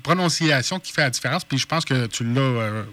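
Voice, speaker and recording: A man hosting a casual interview, speaking haltingly with frequent restarts. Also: mid-range voice, lively intonation, fairly bright tone, dry recording. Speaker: host.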